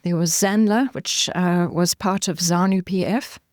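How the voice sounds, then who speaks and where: A woman's voice: on the low side, steady tone, a little mellow, no room sound, studio quality. Earnest middle-aged woman from Zimbabwe. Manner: measured, earnest, with frequent ums. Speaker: guest, forensic anthropologist. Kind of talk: thoughtful interview answers.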